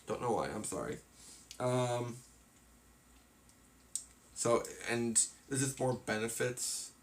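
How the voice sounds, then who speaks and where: Tired and yawning on a live stream, this man talks casually through his plans in a rambling way, packed with filler words. His medium-pitched voice is animated yet slow, with slight background noise.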